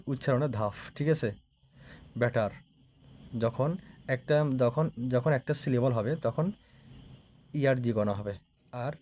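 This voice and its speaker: A man's voice: mid-range voice, mellow, a little hiss or hum. A Bangladeshi man teaching English grammar in a recorded lesson, repeating each point and often asking the students if they follow. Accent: Bangladeshi Bengali. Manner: repetitive, checks understanding with frequent questions. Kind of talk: recorded classroom-style lesson.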